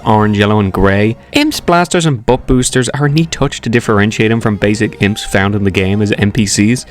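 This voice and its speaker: A man giving scripted commentary ranking video game characters, casual with jokey asides to the viewer. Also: medium pitch.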